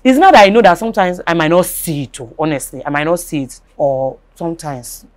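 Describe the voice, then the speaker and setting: A woman with a Nigerian accent hosting a casual talk show, talking in an animated way, repeating herself and asking if you follow. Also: lowish voice, brisk. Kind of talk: casual chat.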